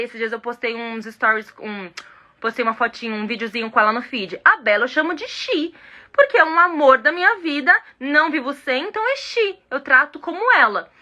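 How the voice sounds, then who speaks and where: A woman's voice: sits high, bright, forceful tone. A Brazilian woman teaching English in a casual online lesson, playful and chatty, speaking straight to her viewers. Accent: Brazilian Portuguese.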